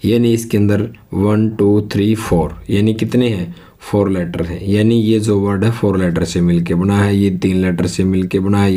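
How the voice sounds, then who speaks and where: A man with a Hindi accent teaches a beginners' English class at an unhurried pace. His voice sits low and sounds mellow and dark. He spells words out letter by letter and keeps asking rhetorical questions. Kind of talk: classroom lesson explaining English words and sentences.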